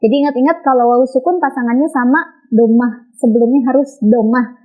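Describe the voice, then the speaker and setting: A high-pitched woman with an Indonesian accent gives a children's lesson, patiently repeating and modeling each sound. The recording is dull and lo-fi. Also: steady tone, brisk. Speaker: Quran recitation teacher.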